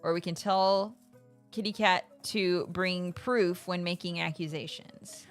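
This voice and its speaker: A woman's voice: lowish voice, steady tone, unhurried. A woman co-hosting a game stream in casual conversation, with music behind her.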